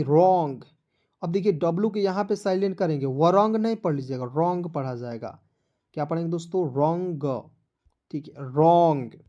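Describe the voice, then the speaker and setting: Male phonics teacher, mellow warm tone, spells slowly and quizzes viewers repeatedly. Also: sits high. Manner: spells words letter by letter, then quizzes viewers; patient, repetitive explaining. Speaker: English teacher. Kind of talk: online phonics lesson.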